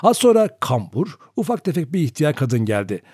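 Man with lively audiobook narration. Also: a little high, moderate pace, husky, no room sound, clean studio sound. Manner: expressive, dramatic storytelling.

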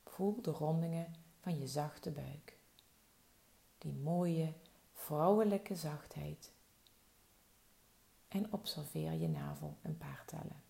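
A woman leads a slow body-relaxation meditation in a soft, soothing way. Her voice is low and mellow, with a heavy gravelly fry. She lets each instruction settle before moving on. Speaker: relaxation guide.

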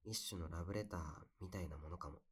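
A young man playing a heartbroken guy who softly confides about lost love in casual, wistful, intimate pillow talk. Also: deep voice, fast, breathy edge. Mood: wistful, quoting. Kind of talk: intimate pillow-talk audio role-play.

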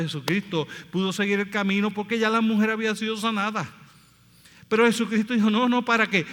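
A high-voiced man preaching with fervor, his bright, ringing tone carrying through a church sanctuary. His words echo with a long hall reverb as he retells scripture with passion. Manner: impassioned preaching, acting out biblical dialogue. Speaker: pastor. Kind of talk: sermon.

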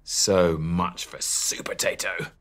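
A man's voice: rumbling low, a little slow, pushed and bright, breathy edge, heavily acted. A man voicing a cheeky, naughty little green villain pea in a storybook reading, with a taunting drawl.

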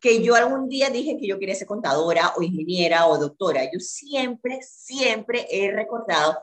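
A woman's voice: mid-range voice, lively intonation, normal speed. A woman who is a guest in an interview, telling a personal story in an earnest way and often repeating words for emphasis.

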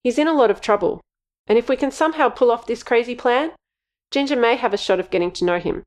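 A woman's voice: fairly high pitch, quick pace, darkish tone, pitched above the performer's own voice, lightly acted. A woman narrator voices an earnest teenage boy, a loyal friend. He speaks in a persuasive, sincere way in a storybook reading.

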